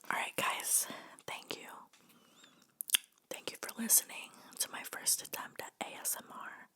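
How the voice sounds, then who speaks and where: Woman whispering slowly for ASMR. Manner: soft whispering with eating and tasting sounds; playful, self-mocking asides. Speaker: host of her own show.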